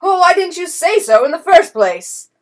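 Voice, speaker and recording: A woman's voice: very high voice, big pitch swings, moderate pace, pitched above the performer's own voice. A woman reading a storybook voices a blustering, pompous swindler count who barks commands. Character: blustering swindler count, grown man, bold. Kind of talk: audiobook character voice.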